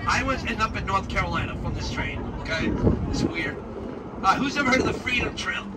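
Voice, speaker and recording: A man's voice: high-pitched, animated, a little fast, over a noisy crowd. A man working as a tour guide, giving joking live commentary like a showman and quizzing his listeners. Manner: showman-like, quizzing the listeners with short check questions. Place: moving tour vehicle in city streets. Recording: distant mic, loud traffic and vehicle noise. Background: loud engine and street traffic noise.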